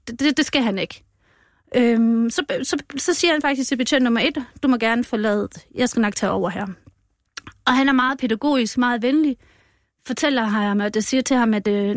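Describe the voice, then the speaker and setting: A woman with a high voice tells her story as an interview guest, recorded dry and close. She is plainly moved and speaks haltingly, often breaking off and starting her sentences again. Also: dry recording. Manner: halting and emotional, many restarts. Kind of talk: personal account in a podcast interview.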